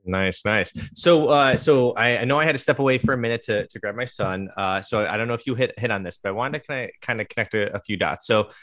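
A man hosting an interview, friendly and a bit halting, often repeating words as he goes. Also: on the low side, a bit bright. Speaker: podcast host. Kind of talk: conversational interview.

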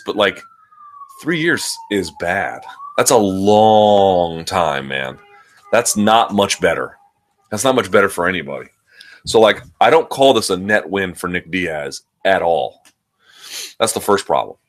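A man's voice: low-pitched, fairly bright tone. A man giving casual, opinionated sports commentary as a talk host, often repeating and restarting his words and phrases.

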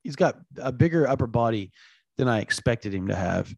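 A man who covers college football recruiting, talking in an animated, rambling way and repeating himself for emphasis. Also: mid-range voice, brisk, creaky, no room sound, muffled recording. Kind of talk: sports talk, casual chat.

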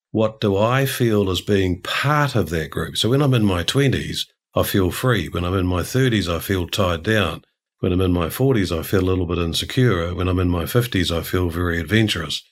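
A man's voice: low voice, normal speed. An older man from New Zealand explaining ideas in a discursive, chatty way, full of asides. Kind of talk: casual conversation.

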